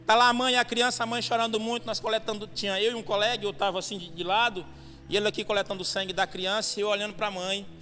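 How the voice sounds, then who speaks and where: A young adult man, giving a fervent testimony sermon that rises to shouts at its peaks. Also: sits high, flat delivery, fast talker. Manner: fervent storytelling, rising to shouts at climaxes. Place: church hall. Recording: long reverb hall with music behind.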